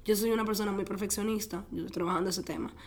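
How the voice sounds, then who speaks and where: A young adult woman, a guest, telling a personal story in an animated way, laughing often and acting out her own quotes. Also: mid-range voice, very fast.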